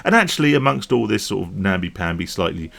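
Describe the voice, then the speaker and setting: Sing-song and quick, his low voice has vocal fry and a slightly bright edge. A YouTube vlogger on gambling recovery, he rambles conversationally to camera, often tossing in "right?" or "okay?" to check on the viewer.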